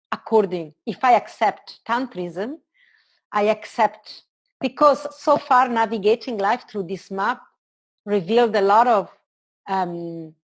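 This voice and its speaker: A woman's voice: mid-range voice, low-quality recording. A woman with an Italian accent speaks as a spiritual teacher in conversation, earnest and expansive, unfolding her reflections in short phrases. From Italy. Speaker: spiritual teacher being interviewed.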